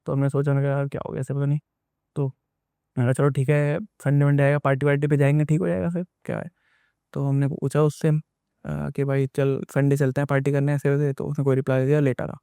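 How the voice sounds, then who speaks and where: A man's voice: medium pitch, flat delivery, quick pace, vocal fry, dark tone, clean tone, no room sound. A young man casually recounting an experience as a guest, rambling and repeating himself as he tells it. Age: young adult. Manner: rambling, repetitive retelling with many asides. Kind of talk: casual spoken storytelling.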